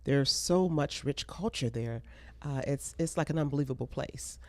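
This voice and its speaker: An American woman who produces a pageant, answering interview questions in an earnest, measured way. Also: rumbling low, dry recording. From United States. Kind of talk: casual interview.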